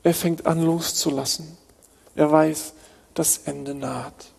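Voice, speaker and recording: A man preaching a sermon, driving his points home with emphatic repetition of short phrases and moving between hushed and urgent delivery. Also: a little high, steady tone, slow pace, gravelly, slightly rough. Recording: reverberant hall sound.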